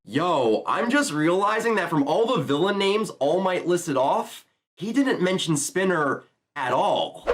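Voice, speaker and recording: Animated man giving casual reaction commentary. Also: sits high, a little slow, slight background noise. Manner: enthusiastic, chatty. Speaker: YouTuber reacting to a manga chapter.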